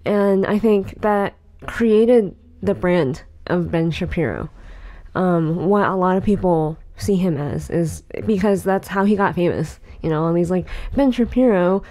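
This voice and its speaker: A woman in her late twenties co-hosts a podcast, rambling through a casual chat with lots of fillers and restarts. Her voice is fairly low and warm, with lively intonation and an unhurried pace.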